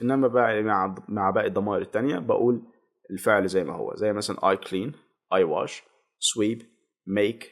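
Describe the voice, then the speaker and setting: A man with an Egyptian Arabic accent teaching beginner English. He says phrases slowly and repeats them, then explains them in Arabic. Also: fairly low pitch. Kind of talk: bilingual language lesson.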